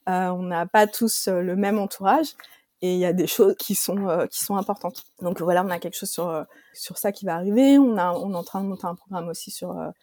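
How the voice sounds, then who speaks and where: A woman talks through a casual interview with a mellow, dark voice that trembles and cracks from an allergy. She fills her speech with hesitations and restarts. The sound is dry and close. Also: fairly low pitch, a little fast, no echo. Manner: talkative, many fillers and restarts. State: voice weak and shaky from allergy. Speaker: app founder, guest.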